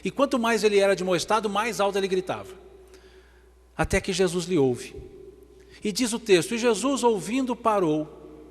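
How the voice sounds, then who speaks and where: A man with a Brazilian Portuguese accent delivers a religious lecture in a slightly high voice. He pushes emphatic lines loud and drops others to a hush. His voice rings through the long reverb of a large hall. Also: normal speed, pauses often. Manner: emphatic, swinging between loud and hushed passages. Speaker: spiritist lecturer.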